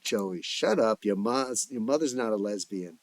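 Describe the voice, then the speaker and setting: A man voicing a gruff, quick-tempered father who argues with his family in an audio story. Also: on the low side, expressive, dry recording. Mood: combative. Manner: blustering, combative.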